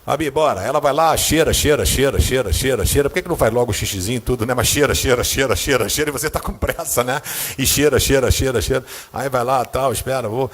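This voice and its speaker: A man preaching in a church with a Brazilian Portuguese accent, telling a personal story, acting out the scenes and swinging from a low murmur to high, excited bursts. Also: fast talker, slightly rough. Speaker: pastor.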